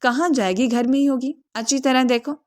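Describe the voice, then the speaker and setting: A woman voicing a caring, gently teasing middle-aged mother in a read-aloud romance story. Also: sits high, fairly even intonation, close to an everyday voice.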